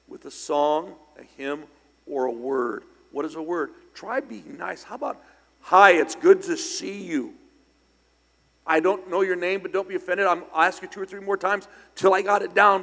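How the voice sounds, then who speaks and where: A middle-aged man preaches a sermon in a church sanctuary, his high voice slightly hoarse and raspy from singing. He speaks conversationally with loud bursts of emphasis, and the recording carries a long hall reverb.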